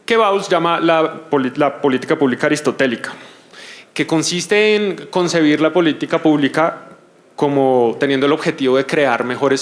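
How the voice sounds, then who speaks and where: Guy moderating a panel in an auditorium, slightly high voice, lots of ums, asks the crowd questions. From Colombia. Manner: hesitant, many fillers, asks the audience questions. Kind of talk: panel talk to an audience.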